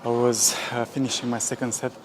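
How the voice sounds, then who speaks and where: A man's voice: medium pitch, flat delivery, fairly quick, noisy background. A man vlogging his leg workout in a gym, casually explaining his sets and pushing himself on, at times out of breath. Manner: self-motivating, talks between sets. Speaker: fitness vlogger. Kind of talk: casual workout vlog talk.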